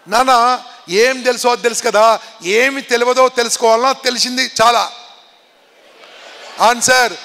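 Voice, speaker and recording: High-voiced man with a Telangana accent quizzing a crowd. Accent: Telangana Telugu. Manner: quizzes the crowd, repeats questions, shouts. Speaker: motivational speaker. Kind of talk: motivational speech to students. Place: large hall with an audience. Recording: echoey hall, faint background noise.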